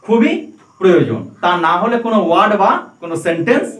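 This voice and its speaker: Quizzing pupils individually and spelling letters out for them, a man teaches a class in a voice that sits high. He talks fast and very animatedly, captured from afar in a roomy classroom.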